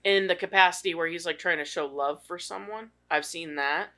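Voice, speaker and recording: A man's voice: fairly high pitch, a little fast, crowd noise. A man co-hosting a movie podcast, talking casually and at length, often restarting his sentences. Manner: talkative, trails off and restarts, animated. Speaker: podcast co-host.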